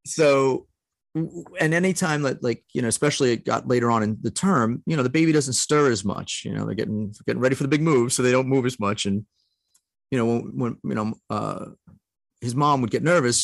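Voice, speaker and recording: A man's voice: mid-range voice, fast, gravelly, no room sound, clean studio sound. A middle-aged man sharing a heartfelt personal story as a podcast guest, earnest and emotional, laughing often.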